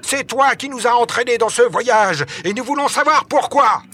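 A man's voice: high-pitched, big pitch swings, normal speed, fairly bright tone, faint music behind, pitched above the performer's own voice. A man voicing a stern male expedition leader in a storybook reading, firm and emphatic.

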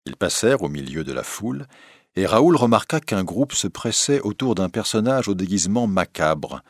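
Male narrator, low-pitched, dry studio read, steady dramatic storytelling. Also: normal speed, no echo.

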